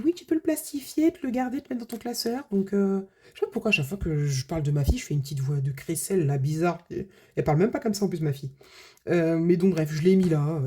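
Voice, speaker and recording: Low husky woman chatting casually. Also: mellow. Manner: chatty, lots of filler words and restarts. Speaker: budget vlogger. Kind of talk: casual vlog chat.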